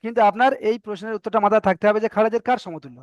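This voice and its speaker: A man with a fairly high voice teaches Quran reading online, drilling letters and vowel marks again and again. His delivery is patient and steady. The sound is dry and a little dull, like a lo-fi call recording. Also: racing, dry recording. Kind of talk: online Arabic reading lesson.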